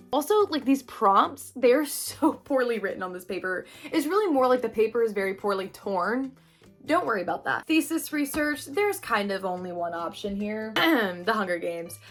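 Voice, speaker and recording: Chatty young woman, bright and upbeat. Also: a little high. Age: 20s. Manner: chatty, upbeat, thinking aloud with many "like"s. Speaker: booktuber. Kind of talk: casual vlog chat.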